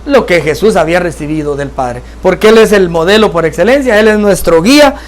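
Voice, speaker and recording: A man teaching a Bible lesson, earnest and halting, often checking in with his listeners. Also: high voice, animated. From Guatemala. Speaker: church trainer.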